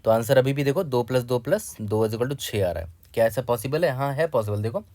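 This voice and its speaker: A coding tutor with a mid-range, darkish voice walks viewers step by step through a coding problem on a whiteboard, speaking fast, expressively, and conversationally. He addresses the viewer directly, often repeats "ठीक है," keeps checking whether things are clear, and uses technical terms. The recording is close and dry, with no room echo.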